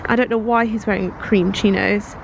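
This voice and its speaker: A woman's voice: mid-range voice, steady tone, moderate pace, vocal fry, background noise. A young woman, heavily pregnant and out of breath, chatting on camera in a giggly, self-mocking way. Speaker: vlogger. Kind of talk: casual vlog chat. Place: outdoors on a rainy walk and at home.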